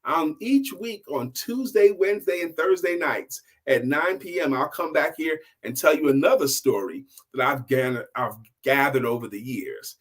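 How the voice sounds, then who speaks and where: An older man with a slightly high voice hosts a story show of informal, motivational bedtime tales. He speaks deliberately, repeats phrases, and checks in with the listener.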